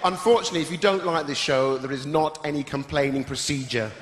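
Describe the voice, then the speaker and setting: A man's voice: a little high, fast talker, heavy background noise. A man hosting a stand-up comedy show on a theatre stage, playfully teasing the audience. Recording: echoey theatre with loud crowd.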